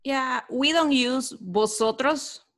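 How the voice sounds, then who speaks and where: A woman's voice: sits high, takes it slowly, a bit bright. A woman from Venezuela with a Venezuelan Spanish accent, a native Spanish speaker chatting hesitantly in English, searching for words. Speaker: guest. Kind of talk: casual chat.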